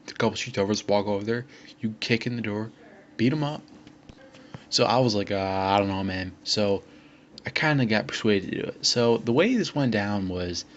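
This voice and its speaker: Young man rambling through a story. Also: fairly low pitch. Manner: rambling, filler-heavy retelling with quoted dialogue. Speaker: vlogger. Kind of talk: casual storytelling. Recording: dull lo-fi sound with faint hiss.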